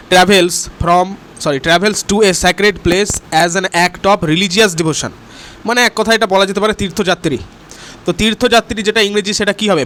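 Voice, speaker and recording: High-voiced male teacher. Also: fairly bright tone. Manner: explains terms patiently, often checks in with 'right?'; reads English questions out slowly and carefully. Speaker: exam prep teacher. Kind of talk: live online exam-prep lesson.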